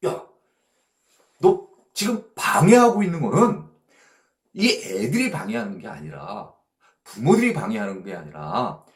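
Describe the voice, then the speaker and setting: Blunt rebuking teacher figure voiced by a male pastor, lively pitch, roomy echo. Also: a little slow, pauses often. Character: adult male teacher firmly telling followers to step aside.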